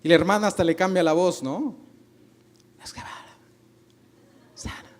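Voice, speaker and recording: High-voiced man preaching a sermon. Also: moderate pace. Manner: preaching to a congregation, asking the crowd questions. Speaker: pastor.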